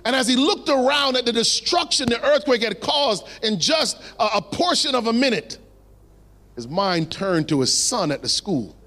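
Male preacher, high voice, dramatic pauses, drops low for emphasis, long hall reverb. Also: sing-song, pushed and bright, faint music behind. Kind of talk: sermon.

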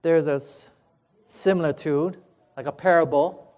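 A man preaching a sermon, telling a parable in a dramatic, emphatic way and slowing down on key words. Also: fairly high pitch, steady tone, a little mellow. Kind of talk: sermon storytelling. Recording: echoey hall.

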